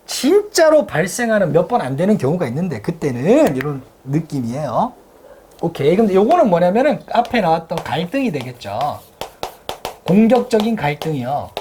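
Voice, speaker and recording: A teacher giving a casual grammar lecture in a classroom, explaining things with quick rhetorical questions. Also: mid-range voice, darkish tone, slight background noise. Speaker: English teacher. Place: classroom with a blackboard.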